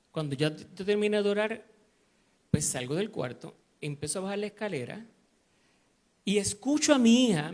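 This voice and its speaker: Middle-aged Puerto Rican pastor with a high voice, preaching with personal stories, swinging from hushed to loud. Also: male voice. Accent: Puerto Rican Spanish. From Puerto Rico. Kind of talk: sermon.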